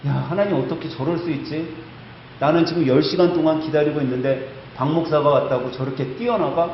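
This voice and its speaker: A man's voice: fairly high pitch, fairly quick, a little hiss or hum, voice pushed down, natural voice. A male pastor voicing a hurt, sulking church deacon who complains and pleads after being kept waiting. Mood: sulky. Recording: echoey church hall, slightly dull sound.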